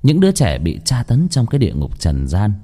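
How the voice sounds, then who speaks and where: A man narrating a horror story in lively, colloquial storytelling. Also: lowish voice, a little fast.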